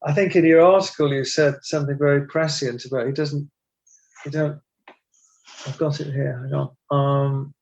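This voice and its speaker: A middle-aged man talking in an interview as a guest, animated and emotional, laughing often and poking fun at himself. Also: a little high, moderate pace, vocal fry, dull audio. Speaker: guest, translator and stage performer. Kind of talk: conversational interview.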